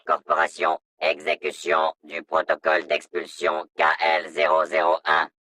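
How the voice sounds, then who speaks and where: An actor voicing a stern male security robot in a video game, through a robotic voice filter, in a flat, monotone, announcement-like delivery. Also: deep voice, measured pace, creaky, no room sound, full character voice. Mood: cold, commanding. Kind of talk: video game dub dialogue lines.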